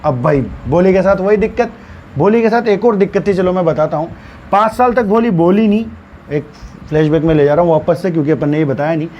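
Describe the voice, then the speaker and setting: Guy teacher telling a story to his class, kinda high voice, acts out the stutters, muffled lo-fi sound with a little hiss. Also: quick pace, darkish tone. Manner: acts out stammering and dialogue while retelling. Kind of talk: storytelling lesson explanation.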